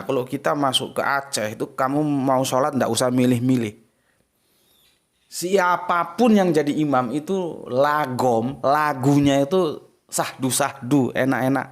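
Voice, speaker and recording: A man giving a casual spoken religious lesson to his viewers, chatty and emphatic, with big swings of pitch to stress his points.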